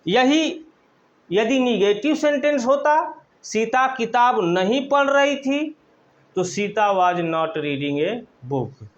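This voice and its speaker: A man with a Hindi accent teaching English grammar in a lesson, dictating slowly and repeating each phrase so students can write it down. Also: extremely high pitch, lively intonation. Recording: dull lo-fi recording.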